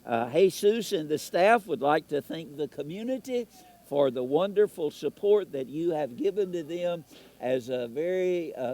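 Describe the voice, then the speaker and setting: A folksy man with a mellow, rounded voice that sits a little high, reading out holiday sponsor greetings live. He chats easily and laughs between the lines. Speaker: parade broadcast announcer.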